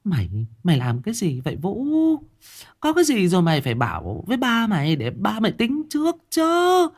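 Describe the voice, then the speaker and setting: A man reading a story, voicing a flustered middle-aged village mother who scolds her son in a high, sharp voice. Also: wildly swooping pitch, a little fast. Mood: scolding. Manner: scolding, shrill.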